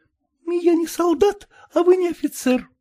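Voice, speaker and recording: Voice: high voice, lively intonation, normal speed, mellow, voice pushed up. Reader doing a sulky, offended young bride. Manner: haughty, sulky replies.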